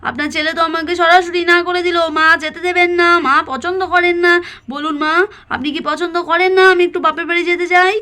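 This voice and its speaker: This is an aggrieved young wife in a cartoon, played by a woman. She speaks in a high voice and pours out her resentment. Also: fairly even intonation, normal speed, bright, forceful tone. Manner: aggrieved, complaining.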